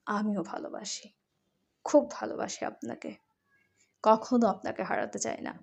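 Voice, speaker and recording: A woman voicing a playful, affectionate young wife who is quick to sulk, in a romantic audio story. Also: a little high, animated, darkish tone. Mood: romantic, tender.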